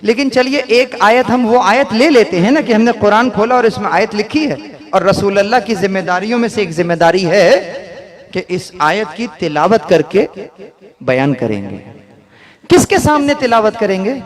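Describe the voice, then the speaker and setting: A man's voice: high voice, animated, moderate pace. A man with a Pakistani Urdu accent gives a religious sermon at a mourning gathering. He asks his listeners questions and acts out different ways of saying a phrase to make his point.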